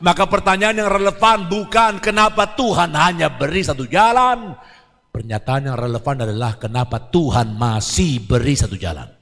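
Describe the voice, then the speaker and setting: High bright-voiced pastor preaching hard, drops low then shouts, big church echo. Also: male voice, moderate pace. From Indonesia. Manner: animated preaching, swinging from quiet to shouted; asks the congregation questions. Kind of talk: sermon. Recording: church hall reverb on a livestream.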